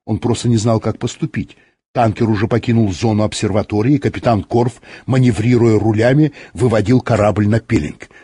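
A man narrating a story as an audiobook, reading in a dramatic, expressive way. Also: fairly low pitch, a little fast, slightly rough, no room sound. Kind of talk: scripted narration.

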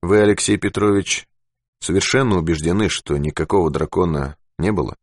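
A man voicing a grave, measured male expedition commander in an audiobook. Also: deep voice, no room sound, clean studio sound.

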